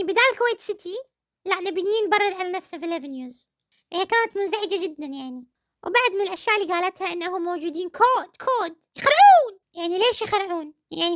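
High-voiced sarcastic Kuwaiti woman host. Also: fairly bright tone, no room sound, clean studio sound. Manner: sarcastic, addresses listeners fondly. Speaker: podcast host. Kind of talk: satirical commentary.

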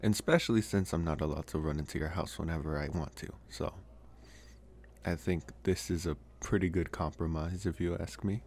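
A man voices a young college vampire with a low pitch in an ASMR boyfriend roleplay, speaking straight to the listener. He's soft and halting, with wry, slightly awkward teasing and plain affection underneath, in a casual, wry mood.

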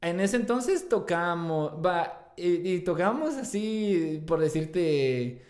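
This young guest, a band's singer and guitarist, speaks with a Guatemalan Spanish accent and spins a slangy story full of swearing and tag questions. His voice is high-pitched and a bit dark, moving slowly with lively intonation.

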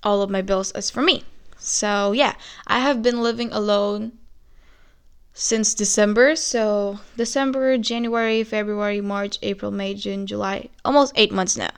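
A young Filipino woman with a Filipino accent hosts a casual solo podcast, switching between Tagalog and English and sounding a little nervous. She records on a phone in her bedroom. Her mid-range voice is clear and resonant, with fairly even intonation and an unhurried pace.

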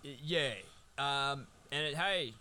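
A man's voice: mid-range voice, takes it slowly, sharp tone. A man co-hosting a podcast, recapping a film in a rambling, sweary, laid-back way. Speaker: podcast co-host. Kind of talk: casual film-review chat.

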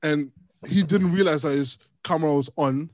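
Young man, podcast co-host, casual chat, animated, higher pitch, dry sound. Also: moderate pace, dry recording. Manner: animated storyteller, laughs often.

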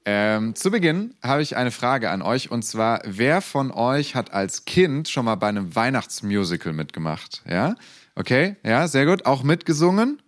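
A man in his thirties, a pastor, giving a sermon in a lively, conversational storytelling way to his congregation. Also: mid-range voice, a little slow.

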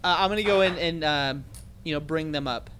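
Bright-voiced tentative man at a game table. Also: a little high, a little hiss or hum. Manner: tentative, trailing off, quick to laugh. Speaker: player. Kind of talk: casual tabletop play.

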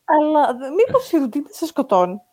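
Chatty woman podcast co-host, mellow tone. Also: sits high. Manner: chatty, animated storytelling. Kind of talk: casual chat.

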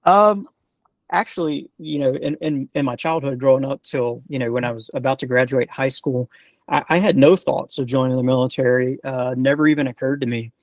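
A retired Army sergeant, a man, being interviewed, telling stories in a relaxed, rambling way full of fillers and restarts. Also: medium pitch, normal speed, no echo. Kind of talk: casual storytelling interview.

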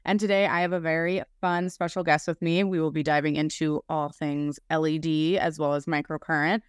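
Low-pitched and brisk, this podcast host talks with a flat delivery and a clean tone. She's informal and conversational, constantly using "like" as a filler. The audio is studio quality with no room sound.

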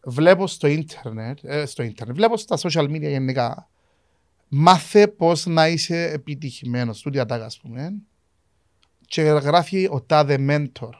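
Higher-pitched Cypriot Greek man, casual interviewer. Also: lively intonation, a little mellow, dry recording, clean studio sound. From Cyprus. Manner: questioning, mixes in English words.

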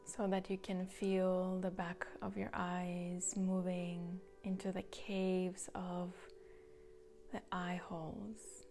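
Slow, soft-spoken woman guiding meditation. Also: lowish voice, monotone, faint music behind. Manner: slow, soft, partly whispered guidance. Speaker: meditation guide. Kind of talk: guided meditation.

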